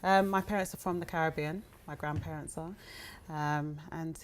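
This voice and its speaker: London woman showing off makeup on a shopping channel, low voice, chatty, lots of ums. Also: fairly even intonation, normal speed, slight background noise. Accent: London English. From England. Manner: chatty, giggly, many ums. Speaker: founder of a cosmetics brand. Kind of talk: product demonstration.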